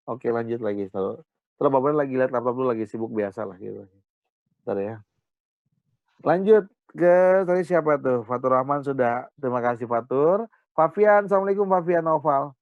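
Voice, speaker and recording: A man's voice: medium pitch, expressive, fairly quick, dry recording, phone-quality sound. A male teacher taking the roll in an online class, with a joking, teasing manner. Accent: Indonesian. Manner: joking, teasing banter with students. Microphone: video call.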